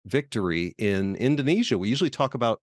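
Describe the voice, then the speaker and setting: A man co-hosting a casual podcast chat, relaxed and chatty, often laughing. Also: fairly low pitch, fast talker, dry recording, studio quality. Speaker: podcast co-host.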